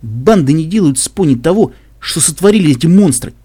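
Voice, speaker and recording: A bold male pegasus guard who talks in a hearty, reassuring way, as a male reader puts him on. The voice is husky and pushed up into a brighter, louder register. It comes from an audiobook of a pony adventure. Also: fairly high pitch, animated, brisk, no echo, pitched above the performer's own voice. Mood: grim. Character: male cyber pegasus, brave cheerful caravan guard.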